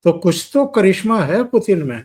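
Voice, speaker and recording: A man's voice: sits high, very animated, moderate pace, a little mellow. A man with an Indian accent hosting a political discussion, asking emphatic leading questions. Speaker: show host.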